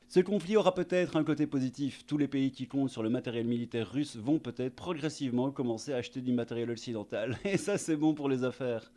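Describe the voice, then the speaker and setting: A man's voice: mid-range voice, fast, hardly any pauses, warm tone. A man giving sarcastic, crude comedic news commentary as a YouTube host, full of fillers and asides.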